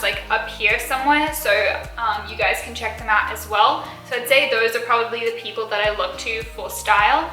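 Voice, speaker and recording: Bright and forceful, with a slightly high pitch, a young woman in her early twenties chats casually through viewer questions, peppering her answers with fillers and giggles. She's a beauty and lifestyle YouTuber from South Africa, partly raised in Australia, with a mild Australian accent. The low-quality recording is reverberant.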